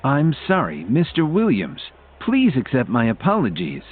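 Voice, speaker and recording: A man's voice: mid-range voice, wildly swooping pitch, normal speed, a little hiss or hum, voice pushed up. A man voicing a polite, flustered young male hotel employee who stammers apologies, in an audiobook with tinny phone-like audio. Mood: apologetic.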